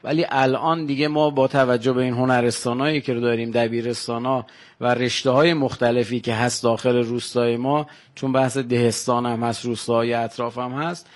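An older man with a Varamini Persian accent, a village guest on a radio show, proudly listing facts about his home. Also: medium pitch. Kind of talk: radio phone-in chat.

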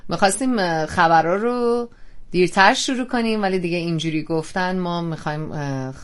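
Encouraging woman hosting morning radio. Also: on the low side. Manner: encouraging, motivational. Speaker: radio show host. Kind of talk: upbeat morning radio talk.

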